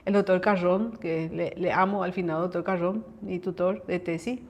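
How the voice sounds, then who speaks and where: A middle-aged woman hosting a conversation, telling a personal faith testimony in a lively way and often checking in with her listener. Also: on the low side, moderate pace. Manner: lively storyteller who acts out quoted dialogue; often asks listeners to confirm. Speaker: host sharing a personal testimony.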